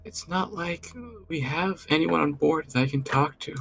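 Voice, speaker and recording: Casting: man playing a shy young woman, high and halting, apologetic and stammering. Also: fairly even intonation, creaky, fairly bright tone. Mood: tearful.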